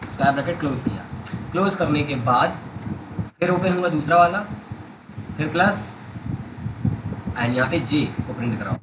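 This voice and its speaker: A man's voice: on the high side, moderate pace, pauses often, roomy sound, noisy background. A man teaching programming step by step, checking that his students follow along. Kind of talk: coding tutorial.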